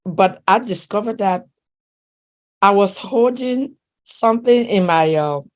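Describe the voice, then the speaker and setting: Her mid-range voice takes things slowly as she, a relationship coach speaking accented English, earnestly answers questions in an interview. Frequent restarts and gentle laughs run through her speech.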